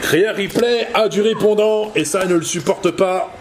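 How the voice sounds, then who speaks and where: A man giving excitable live wrestling commentary, calling the action play-by-play with repeated exclamations. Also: sits high, moderate pace, a loud crowd. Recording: very noisy background behind the voice.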